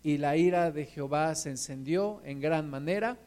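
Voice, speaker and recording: A man's voice: on the high side, moderate pace, a little mellow. A man preaching a conversational sermon, asking his listeners rhetorical questions and retelling scripture vividly. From Mexico.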